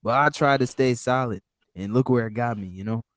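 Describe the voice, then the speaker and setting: Man, medium pitch, casual chat, halting slangy delivery, repetitive, dry close sound. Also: a bit bright, dry recording.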